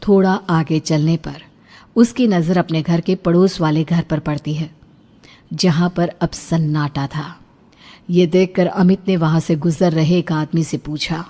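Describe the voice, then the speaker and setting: A woman narrating a children's cartoon story in a calm storytelling manner. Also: low voice, measured pace.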